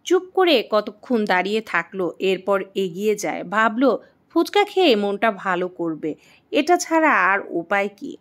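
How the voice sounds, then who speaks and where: A woman narrating a romance story in a calm, even reading voice, reading the characters' lines lightly. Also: medium pitch, measured pace.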